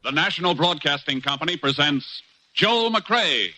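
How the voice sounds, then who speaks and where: A man's voice: on the high side, expressive, normal speed, no echo, low-quality recording. A man with an American accent performing as a solemn, formal announcer for a 1950s radio police western. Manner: formal, declamatory delivery. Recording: vintage 1950 radio broadcast, loud music. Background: loud theme music.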